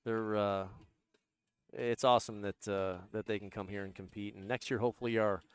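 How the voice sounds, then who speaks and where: A man co-commentating on a sporting event, terse and steady, reeling off scores and quick affirmations. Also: fairly low pitch, clean tone, dry recording.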